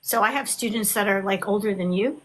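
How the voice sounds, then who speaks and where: A woman in her fifties, an author, chatting loudly and effusively on a live stream. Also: mid-range voice, a little fast. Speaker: author guest. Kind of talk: casual live-stream chat.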